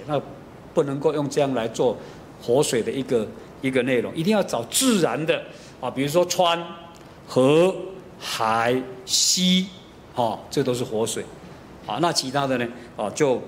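带台湾口音的男牧师讲道，语气活泼. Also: male voice, medium pitch, moderate pace, slight background noise. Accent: Taiwanese Mandarin. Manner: storytelling with many fillers, slipping into Taiwanese. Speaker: preacher. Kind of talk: sermon.

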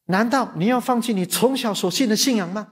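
A man's voice: high-pitched, a little fast, voice pushed up, lightly acted. A man playing a stern preacher who urges a lapsed church member to come back, speaking in a raised, earnest, pleading way. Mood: stern, urging.

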